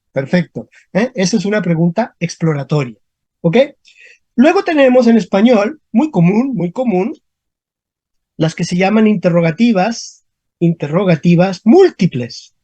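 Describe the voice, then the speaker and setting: A teacher giving an online language lesson over a video call, speaking slowly, repeating example questions and often checking in with the class. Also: mid-range voice, big pitch swings, mellow, slightly rough, no echo. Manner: slow, repeats questions, frequent checking tags. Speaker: Spanish grammar teacher.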